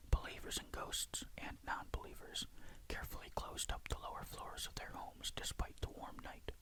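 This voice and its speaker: A storyteller reading a ghost story in a breathy, hushed, suspenseful whisper, in ASMR style. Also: rough recording.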